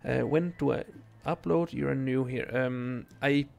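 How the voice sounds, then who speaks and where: Halting Danish man streaming a game. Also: medium pitch, creaky. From Denmark. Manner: relaxed, halting, lots of ums and restarts. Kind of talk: live game stream, chatting with viewers. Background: faint game music.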